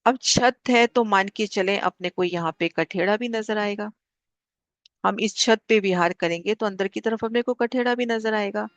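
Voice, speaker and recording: A woman teaching a spiritual class, calmly guiding listeners through maps and repeating key figures so they stick. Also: medium pitch, normal speed, dry recording. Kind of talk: devotional lesson explaining maps.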